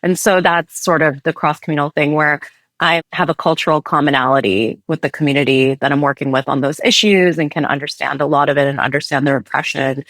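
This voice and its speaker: A woman's voice: low-pitched, steady tone, fairly bright tone, no room sound. Earnest woman guest, dry close sound. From United States. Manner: earnest, measured, thoughtful with restarts. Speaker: podcast guest, human rights litigator. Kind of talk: conversational interview answer.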